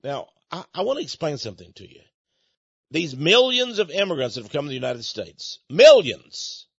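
High-voiced man ranting indignantly. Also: sing-song, moderate pace, vocal fry, slightly rough, dry recording. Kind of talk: political commentary monologue. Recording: dull, dry lo-fi recording.

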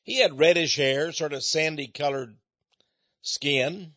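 An American man delivers a rambling personal monologue to his listeners, folksy and digressive, chuckling often. His voice is a little high, slow and sharp-toned, captured in a dry, lo-fi recording.

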